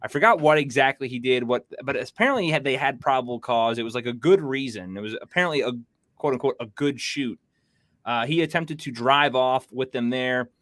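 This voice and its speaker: A man's voice: medium pitch, brisk, a bit bright, no room sound. A man hosting a casual podcast livestream, rambling through news and reading chat comments aloud. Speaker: podcast host.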